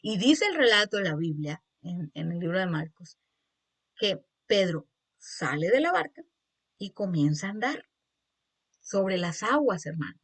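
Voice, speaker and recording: A woman preaching a sermon, telling a scripture story with lively, acted-out emphasis and often addressing her listeners directly. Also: on the low side, unhurried. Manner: acts out the scene with raised voice at dramatic moments.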